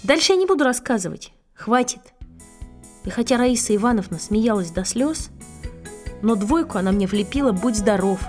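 Lady reading a kids story, lively, high voice, faint music behind. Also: normal speed. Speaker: audiobook reader. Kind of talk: storybook narration in a child's first person.

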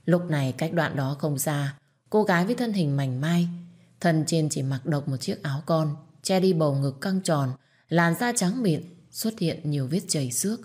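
A woman narrates a story with a low-pitched voice. Her reading is measured and somber, steady from line to line. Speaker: audiobook narrator.

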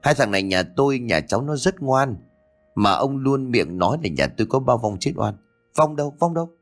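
A man's voice: mid-range voice, animated, brisk, soft background music, voice pushed up, lightly acted. A man doing an agitated, bewildered old father. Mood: indignant. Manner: agitated, protesting questions. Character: grieving older father, bewildered and defensive.

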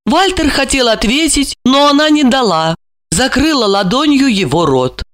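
A woman reads a novel aloud in a high, animated voice. Her reading is expressive and full of movement. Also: moderate pace, dry recording, clean studio sound. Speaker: narrator. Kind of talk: audiobook narration.

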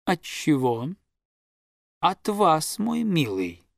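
A man voicing a stern old countess grandmother who speaks slowly and with command, in a dry, close recording. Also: fairly high pitch, huge pitch swings, creaky, no echo, voice pushed up, heavily acted. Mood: reproachful. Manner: slow, commanding, reproachful.

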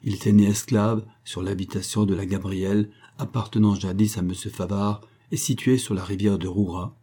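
A man narrating a classic novel in a measured, even storytelling delivery. His voice is low and dark, with a husky grain running through it. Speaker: audiobook narrator.

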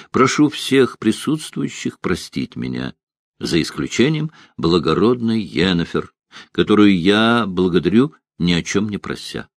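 A man voicing a proud, weary witcher who speaks with measured, icy sarcasm. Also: low-pitched, no echo, studio quality, full character voice.

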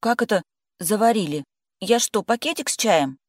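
A reader voicing a nervous young woman stuck behind her door, anxious and quick to snap back. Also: medium pitch, expressive, no echo, studio quality, pitched above the performer's own voice, close to an everyday voice. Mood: irritated. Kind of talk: audiobook character voice.

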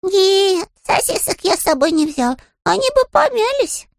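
Paddington, a squeaky eager little bear. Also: big pitch swings, measured pace, creaky, no echo, studio quality, full character voice. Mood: puzzled. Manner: eager, innocent and very high. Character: small polite young male bear, earnest. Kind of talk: audiobook character voice.

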